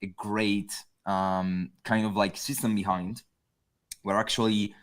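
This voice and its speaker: A man with an Italian accent, a guest designer talking in a casual panel chat, halting and full of fillers. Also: lowish voice, flat delivery. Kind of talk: casual panel chat over a video call.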